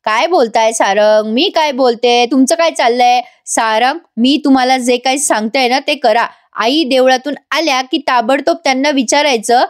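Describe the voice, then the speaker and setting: A woman retelling a TV serial episode to her audience, acting out each character's lines in quick voices. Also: sits high. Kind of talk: animated storytelling recap of a TV serial.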